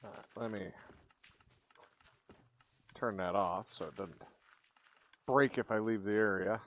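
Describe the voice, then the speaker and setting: A man whose voice is on the low side and a bit bright chats in an unhurried, meandering way during a live game stream. He uses a streaming microphone at full gain, and background noise is clearly present.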